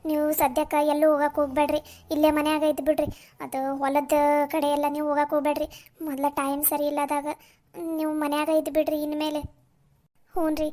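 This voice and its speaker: A caring cartoon daughter-in-law, voiced by a woman, insistently pleading. Her voice is very high. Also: completely flat delivery, fast, a little mellow, natural voice.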